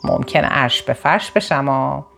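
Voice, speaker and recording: With a creaky voice and faint background music behind her, a northern Iranian woman delivers an animated motivational talk to viewers. She frequently jumps in pitch to stress points and breaks off mid-sentence to restart or correct herself.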